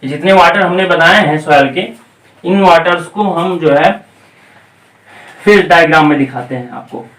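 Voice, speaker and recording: A male exam-coaching teacher giving a classroom lecture, explaining step by step, checking in with frequent "okay"s and slowly dictating English definitions. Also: fairly high pitch, a bit bright, recorded from a distance. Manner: explains step by step, checking in with repeated "theek hai". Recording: echoey room, voice off-mic.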